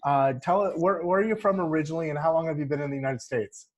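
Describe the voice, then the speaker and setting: A man hosting a podcast, asking questions in a relaxed, friendly way with frequent restarts. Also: a little high, fast. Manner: easygoing, repeats and restarts, friendly. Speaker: podcast host. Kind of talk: casual interview.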